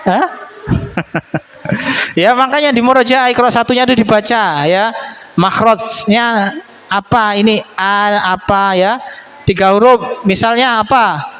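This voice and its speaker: A man teaching a children's Quran recitation class, playfully quizzing the kids with quick questions and chuckling often. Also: extremely high pitch, a bit bright, a little hiss or hum, rough recording.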